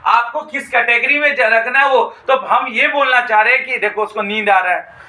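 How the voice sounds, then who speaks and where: Male teacher lecturing in a classroom, really high bright voice, echoey room, repeats stuff and quizzes the kids. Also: distant mic. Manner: dictates slowly, repeats phrases, asks students questions. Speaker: physics teacher.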